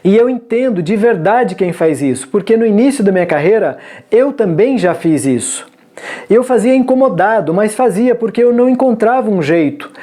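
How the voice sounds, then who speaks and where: A man teaching forró dance, explaining musical phrasing in a measured, explanatory way. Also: sits high, warm tone. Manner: measured, explanatory, sings short lyric lines to demonstrate counting. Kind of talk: instructional video lesson.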